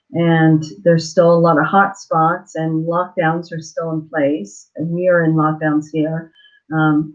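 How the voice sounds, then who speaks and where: A lower-pitched woman chatting casually on a livestream in dull, lo-fi sound. Her mouth is swollen from dental surgery, so she talks a little thickly, with a halting, apologetic manner as she welcomes viewers. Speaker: livestream host. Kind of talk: casual live chat greeting viewers.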